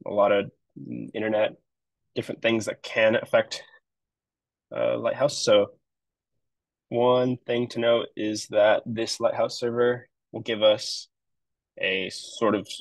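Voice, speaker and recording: A web developer on a marketing web team gives a casual screen-share walkthrough of a project he set up, explaining as he goes with frequent fillers. His voice is lowish, and the recording is dry and low in quality.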